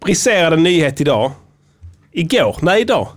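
Rambling, cursing podcast host, slightly high. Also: male voice, big pitch swings. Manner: rambling, profane, storytelling with frequent restarts. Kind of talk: casual podcast banter.

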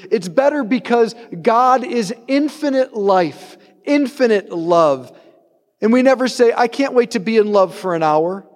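A priest with a high voice preaches a casual, lively homily. He acts out snippets of everyday talk. His words ring out with a long reverb trailing behind them. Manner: conversational, animated preaching with acted-out quotes. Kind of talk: sermon.

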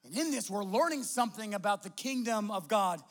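High-voiced Midwestern American pastor preaching. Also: male voice, lively intonation, fairly quick. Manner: impassioned preaching with repeated restarts and rhetorical questions. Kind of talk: sermon.

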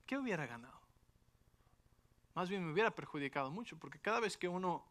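A man's voice: high voice, a little fast. A middle-aged man, a pastor telling a personal story in a sermon and checking in with his listeners often. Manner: animated storytelling with frequent rhetorical asides.

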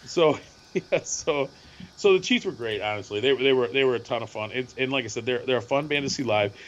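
A middle-aged man with a hoarse voice rambles through a story on a podcast. He repeats himself and gets animated as he goes. The recording sounds a bit muffled and has a faint hiss under it. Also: mid-range voice, brisk. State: hoarse from screaming at a concert. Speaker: podcast co-host. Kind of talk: casual chat.

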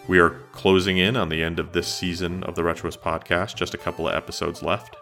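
A middle-aged man hosting a solo retro podcast in a measured, conversational, matter-of-fact way. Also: sits low, bright, forceful tone. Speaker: podcast host.

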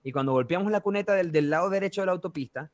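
Young Venezuelan man, casual storyteller, quick and slightly high-voiced, animated with sound effects. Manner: animated, with vivid sound effects and constant slang fillers. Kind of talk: casual chat.

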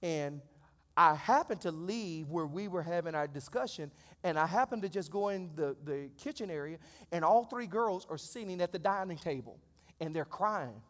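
A pastor in his forties preaching a sermon in a church. He talks conversationally and then swells into loud, high-pitched exclamations. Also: animated, normal speed, long reverb tail. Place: church sanctuary.

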